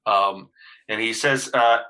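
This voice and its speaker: A man's voice: on the low side, slow, bright, forceful tone, rough recording. A male pastor in casual discussion, talking hesitantly with many fillers and restarts.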